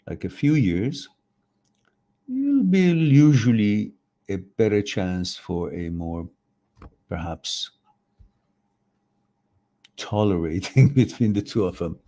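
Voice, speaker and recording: A man's voice: on the low side, big pitch swings, takes it slowly, pauses often, dark tone. A man hosting a live chat, giving opinionated, rambling advice and reading out viewer questions. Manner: opinionated, rambling, acts out quoted voices. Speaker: host answering viewer questions.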